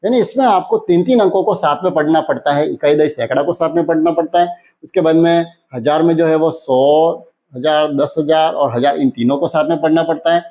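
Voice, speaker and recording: A man teaching a maths lesson in who keeps asking questions and answering them himself, slowing down when he reads out numbers. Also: fairly high pitch, warm tone. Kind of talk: classroom lesson explanation.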